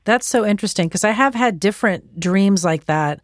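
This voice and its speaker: A woman's voice: medium pitch, expressive, brisk, dry recording, clean studio sound. A woman hosting an interview, reflective and searching for words, laughing easily. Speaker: interview host. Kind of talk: conversational interview.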